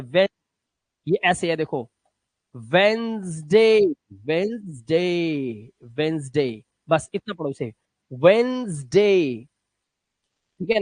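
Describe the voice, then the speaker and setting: A man's voice: high-pitched, no room sound. A man teaching English pronunciation to students, repeating words one by one and checking in after each point. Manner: repeats words slowly, drills with frequent "theek hai?". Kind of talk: classroom lesson explaining to students.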